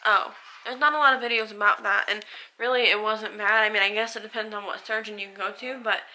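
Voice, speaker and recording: At home, an American woman vlogger talks casually and candidly to camera, rambling a bit, her mouth sore and swollen after dental surgery. Her mid-range voice is steady, brisk, bright and forceful, though the recording quality is low.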